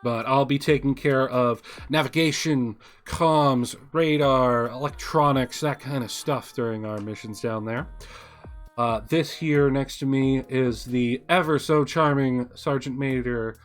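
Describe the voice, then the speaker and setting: A man's voice: medium pitch, unhurried, natural voice. A man voicing a polite male first lieutenant who briefs new pilots in a courteous, slightly hesitant way.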